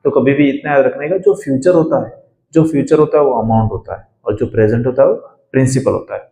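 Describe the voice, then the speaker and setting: Speaking quickly in a dark, medium-pitched voice, a man teaches maths to students blackboard-style. He asks them questions and responds to each himself, recorded amid roomy classroom reverberation.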